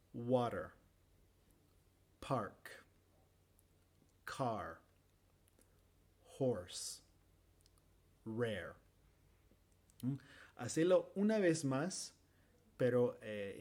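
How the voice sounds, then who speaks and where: Slow, patient man teaching. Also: medium pitch, a little mellow. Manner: slow, patient, models words for repetition. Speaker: English pronunciation teacher. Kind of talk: slow language lesson.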